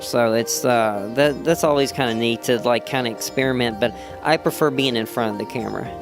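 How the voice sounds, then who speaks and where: Answering fan convention interview questions a little fast, an actor from West Virginia speaks in a medium-pitched voice. Music plays loudly behind him as he rambles, restarting sentences and saying "you know" a lot.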